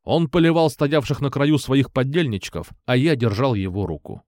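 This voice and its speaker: A man's voice: mid-range voice, moderate pace, noisy background. A man reading a first-person action audiobook with dramatic, tense storytelling. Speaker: audiobook narrator.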